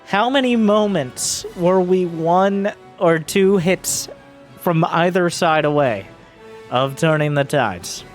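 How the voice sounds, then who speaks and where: A man's voice: on the high side, expressive, slow pace. A man giving live play-by-play commentary on a video game match, exclaiming animatedly as play turns. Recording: music behind the voice. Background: music.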